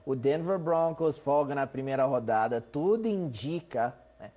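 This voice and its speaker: A man with a Brazilian accent giving conversational sports highlights commentary as a show analyst. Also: measured pace, mellow.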